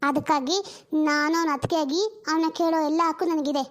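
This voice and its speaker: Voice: sits high, steady tone, fairly quick, fairly bright tone, voice pushed down. A performer voicing an assertive elder sister-in-law in a family drama. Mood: firm.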